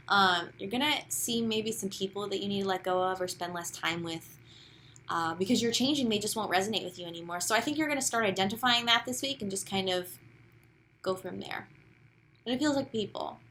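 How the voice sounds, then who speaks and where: A young woman giving a casual, chatty tarot reading, enthusiastic and sometimes dropping to soft near-whispers. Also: mid-range voice, a little hiss or hum. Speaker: tarot card reader.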